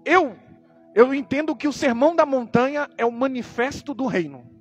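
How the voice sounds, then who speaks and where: A man's voice: very high-pitched, expressive, normal speed, breathy edge, faint music behind. A man with a Brazilian Portuguese accent preaching a sermon, opening with a prayer and then teaching emphatically through repeated rhetorical questions. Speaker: pastor.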